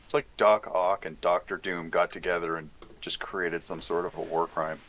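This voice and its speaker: Man, tabletop player, low voice, wry jokes, casual swearing. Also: steady tone, moderate pace, fairly bright tone. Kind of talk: casual tabletop game play.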